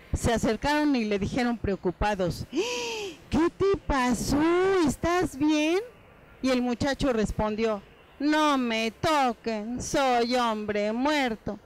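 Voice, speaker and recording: Woman storyteller, kinda high voice, slows way down on the juicy words, tv studio. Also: rough recording. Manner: expressive, slows down for dialogue and drawn-out words. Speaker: storyteller guest. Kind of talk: oral folk tale telling. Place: educational TV studio.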